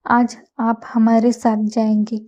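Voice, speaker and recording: A woman's voice: a little high, flat delivery, slow, mellow, dull audio. A woman voicing a teasing, domineering young royal husband in a storybook reading, with a commanding manner.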